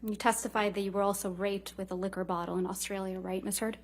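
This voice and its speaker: A woman's voice: mid-range voice, flat delivery, quick pace. Pointed woman lawyer in cross examination. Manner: pointed, clipped leading questions ending in tag questions. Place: courtroom.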